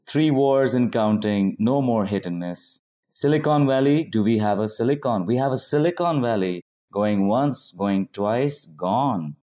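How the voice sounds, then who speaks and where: Male poet, low mellow voice, rhyming auctioneer-style delivery. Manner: rhythmic rhyming auctioneer patter. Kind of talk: spoken word performance.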